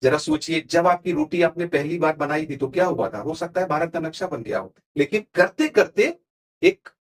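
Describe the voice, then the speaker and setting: A man talking in a podcast interview as a motivational speaker, his voice sitting high and leaping up and down with great liveliness. He hammers each point with emphasis and homely examples, like a seasoned stage coach. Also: moderate pace. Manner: emphatic, animated, uses punchy examples.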